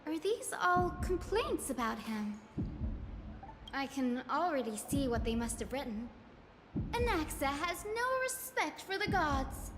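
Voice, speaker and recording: A woman's voice: high voice, very animated, unhurried, noisy background. An actress voicing a cheerful young woman scholar in a game, telling stories and mimicking quoted critics. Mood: explaining. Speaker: game character. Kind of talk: game voice acting. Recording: game audio over music, long reverb.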